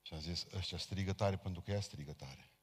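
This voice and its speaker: Husky and low-pitched, this man's voice fills a space with long hall reverb as he preaches fervently. He's a Pentecostal pastor delivering a sermon and speaking straight to his congregation.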